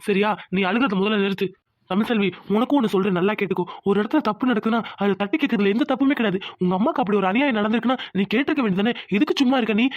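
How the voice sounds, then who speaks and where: A woman's voice: medium pitch, dry recording, lightly acted. A woman voicing a firm, protective young husband who lectures and reassures his wife. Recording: dull lo-fi sound.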